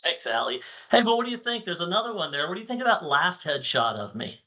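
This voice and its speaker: A man presenting at a conference, chatting with an AI co-host in a friendly, relaxed way with occasional fillers. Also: sits high, quick pace. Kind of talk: casual presentation.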